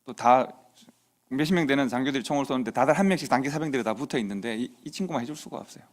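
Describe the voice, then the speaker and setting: Korean pastor telling a story. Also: male voice, mid-range voice, very fast. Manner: conversational anecdote with quoted dialogue. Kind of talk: sermon storytelling. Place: church sanctuary.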